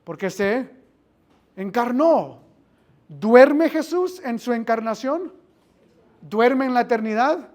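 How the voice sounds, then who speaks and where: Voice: medium pitch, lively intonation, slow pace, pauses often, darkish tone. A Bible teacher giving an interactive class, quizzing the listeners, repeating phrases and dropping in English filler words.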